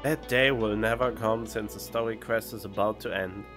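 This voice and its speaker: A game streamer with a lowish, steady voice muses and thinks aloud at a normal speed in casual let's play commentary. He's on a close studio condenser mic, with faint game music behind him.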